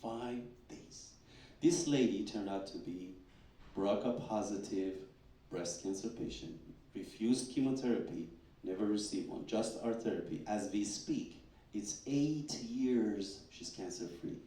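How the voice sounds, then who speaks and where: A man's voice: on the low side, a little slow. A man, a doctor, giving a talk at a fundraising event, telling patient stories and acting out quotes with stammers. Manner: animated storyteller, acts out quotes with stammers. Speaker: doctor presenting research. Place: event hall. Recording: echoey hall, distant mic.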